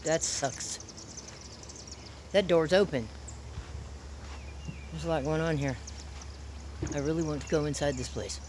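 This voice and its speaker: A woman, chatting excitedly and swearing while filming an abandoned site on her phone. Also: low voice, measured pace, long pauses. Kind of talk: casual chat while exploring. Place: outdoors by abandoned buildings and in a car. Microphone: handheld phone. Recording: noisy outdoor phone recording.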